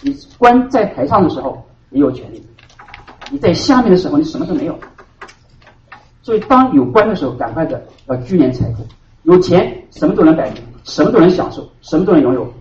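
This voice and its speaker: Animated male pastor preaching in an echoey hall. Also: fairly high pitch, a little fast, a little hiss or hum. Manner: emphatic preaching, swinging between loud stresses and hushed asides. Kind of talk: sermon. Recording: roomy hall from a distant, dull mic.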